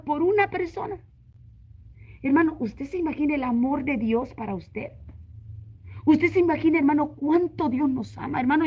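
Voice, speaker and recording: A middle-aged woman evangelist with a high voice delivers a testimony sermon. She tells the story in a lively, animated way and turns to her listeners as brother again and again. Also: low-quality recording.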